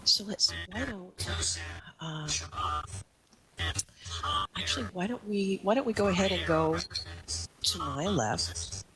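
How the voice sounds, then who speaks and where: A woman's voice: fairly low pitch, expressive, takes it slowly, long pauses, over a noisy crowd, poor audio. A woman hosting a storytelling circle and narrating in a storybook style. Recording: loud noise with clicks.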